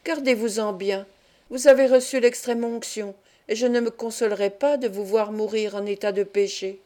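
A woman's voice: mid-range voice, steady tone, moderate pace, dark tone, lightly acted. A woman reading the lines of a dissolute young nobleman who speaks to his father in a falsely pious, pleading way.

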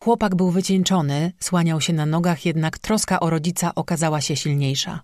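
An audiobook narrator reading a legend in a steady, measured scripted narration. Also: mid-range voice, no room sound, studio quality.

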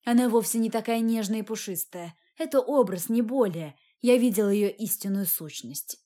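A woman's voice: on the high side, moderate pace, dark tone, natural voice. A woman reading a storybook voices a young man who is a bitter, reproachful ex-lover.

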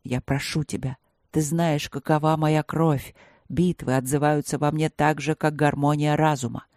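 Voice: mid-range voice, normal speed, no echo, clean studio sound, natural voice. A reader voicing a proud young warrior tiger who speaks curtly and heavily. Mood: fierce. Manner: flat and heavy, curt.

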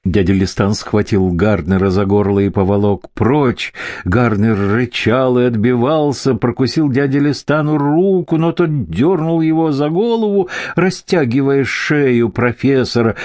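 A man narrating a dark fantasy audiobook in a measured, theatrical manner on a close mic. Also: medium pitch, no echo.

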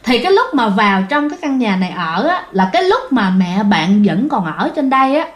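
A woman's voice: a little high, sing-song, fairly quick. A woman hosting a ghost story show, narrating in a chatty way and talking straight to her listeners. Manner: chatty, addresses listeners directly.

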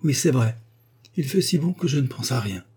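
A man's voice: medium pitch, expressive, normal speed, a little mellow, husky, voice pushed up. A man reading aloud as a weary young painter who gives curt, tired replies. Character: weary young male painter, exasperated by his mistress.

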